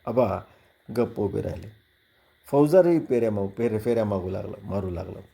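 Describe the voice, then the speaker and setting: A male storyteller with a dark, mellow tone, reading a village novel aloud chapter by chapter. His delivery is measured and dramatic, and his voice drops low to build tension. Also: expressive, gravelly. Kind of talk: expressive reading of a rural novel.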